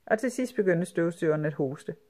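A narrator reading a children's storybook aloud in a calm, even way. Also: medium pitch.

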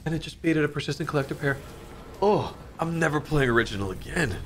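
A man in his thirties giving casual, excitable commentary while playing an online slot game, often swearing and jumping up in pitch at big moments. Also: fast talker, soft background music. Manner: excitable, swears a lot, frequent pitch jumps. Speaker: slot streamer. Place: dim home streaming room, indoors.

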